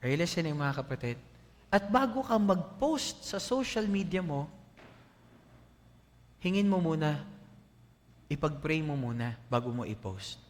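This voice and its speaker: A Filipino-accented male pastor preaches in an animated, conversational way, often putting questions to his listeners. His voice sits a bit high for a man. It rings with the long reverb of a church hall. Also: a little slow, pauses often. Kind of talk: sermon.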